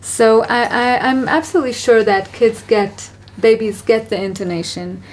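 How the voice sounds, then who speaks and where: A woman hosting a casual Q&A conversation, talking about parenting in an earnest, reflective and gently encouraging way. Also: a little high, moderate pace. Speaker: parenting advice host.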